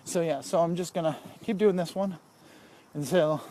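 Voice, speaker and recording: A man's voice: fairly high pitch, normal speed, warm tone, a little hiss or hum. A man talking casually while out walking, rambling and candid with lots of fillers, a little out of breath. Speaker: fitness vlogger. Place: outdoors on a walk.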